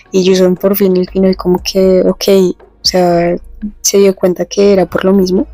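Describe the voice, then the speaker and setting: A woman's voice: mid-range voice, dark tone, dry recording. Dry-voiced woman recapping a comic. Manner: chatty, reads lines slowly. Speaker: narrator retelling a comic. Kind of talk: casual comic recap with read-out dialogue.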